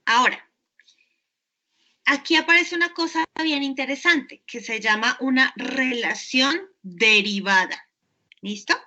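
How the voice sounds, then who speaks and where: A woman's voice: high voice, bright, forceful tone, highs cut off. A woman giving an online university class. She explains patiently and keeps checking in with her students. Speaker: university lecturer.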